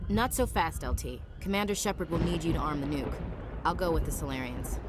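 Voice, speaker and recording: A woman's voice: low voice, expressive, brisk, noisy background. An actress voicing a sarcastic, blunt female gunnery chief in a video game. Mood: brash. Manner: sarcastic and brash.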